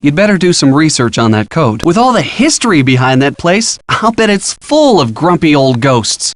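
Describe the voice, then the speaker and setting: At a normal speed, a young American man with a lively, somewhat high voice feeds helpful detective hints as a cheerful college-age boyfriend in a game script. The recording is close and dry, and his encouraging, casual tone mixes thoughtfulness with playful asides.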